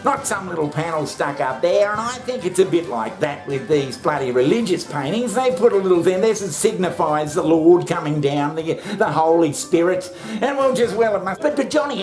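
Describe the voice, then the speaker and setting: Aussie bloke ranting, swears a lot, laughs, lots of uh, music behind. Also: male voice, sits high, animated, moderate pace, hardly any pauses. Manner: blunt and sweary, full of fillers and laughter. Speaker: commentator on the show. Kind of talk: casual comic rant.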